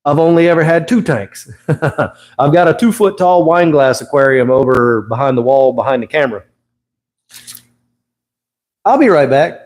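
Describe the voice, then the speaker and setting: A man's voice: on the high side, moderate pace, long pauses, a little mellow. A middle-aged man hosting a casual livestream, rambling as he teaches and often correcting himself with a chuckle. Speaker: host of an aquarium livestream.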